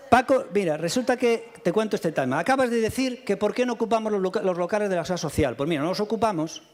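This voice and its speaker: A man, answering opponents in a heated council debate with combative, rapid rebuttals into a podium microphone in a council chamber. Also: high-pitched, darkish tone. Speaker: mayor answering in a council session. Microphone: fixed podium microphone.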